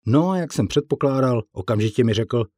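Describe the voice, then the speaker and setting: A man's voice: mid-range voice, expressive, darkish tone, no room sound, clean studio sound. A man narrating an audiobook in the first person, in a blunt, colloquial way with casual swearing.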